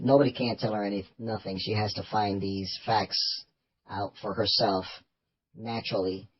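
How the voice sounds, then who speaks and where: Man with a disguised deep voice. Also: husky. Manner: rambling, with frequent restarts. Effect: electronically disguised deep voice. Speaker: anonymous vlogger. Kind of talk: casual monologue to viewers. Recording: dull lo-fi sound.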